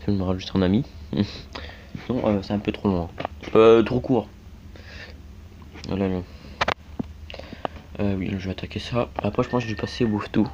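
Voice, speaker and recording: A man's voice: lowish voice, steady tone, moderate pace, pauses often. A man from France giving casual, rambling commentary while playing a mobile game, full of fillers and repeated tags. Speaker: gaming YouTuber. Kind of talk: casual let's-play commentary. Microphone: phone screen recording mic. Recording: dull lo-fi audio with faint background hiss.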